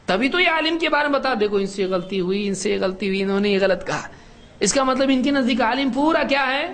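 A man's voice: high-pitched, fairly bright tone, slight background noise. A middle-aged man giving a religious lesson to a class, asking questions and answering them himself. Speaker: religious teacher. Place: classroom with students.

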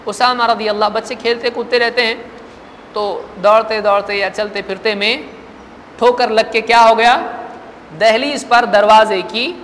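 A man giving a religious sermon. He recites Arabic sayings slowly, then explains them in plain conversational talk with rhetorical questions. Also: sits high, steady tone, a bit bright. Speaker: religious preacher. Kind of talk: Islamic sermon. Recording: echoey hall, faint background noise.

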